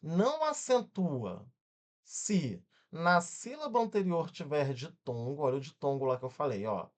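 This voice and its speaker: A man with a Brazilian accent teaching an exam-prep grammar lesson, energetic and constantly checking in with quick questions while he spells words out syllable by syllable. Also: on the high side. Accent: Brazilian Portuguese.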